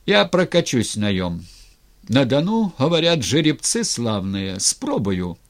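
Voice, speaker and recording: A man voicing a coarse cossack who mocks the tsar, jeering, bossy and shouting. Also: mid-range voice, wildly swooping pitch, slow, pitched above the performer's own voice, full character voice. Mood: mocking. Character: coarse mocking cossack playing a mock tsar.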